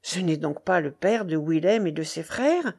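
A woman's voice: fairly low pitch, expressive, normal speed, a little mellow, breathy edge. A woman voicing an angry, suspicious nobleman who questions harshly, in a read-aloud story. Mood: stunned.

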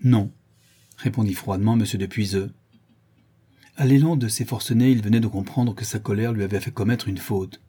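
A man reads a classic novel aloud at a steady, measured pace. His voice is low and dark in tone. It has a husky, breathy grain. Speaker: narrator. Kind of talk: audiobook reading of a classic novel.

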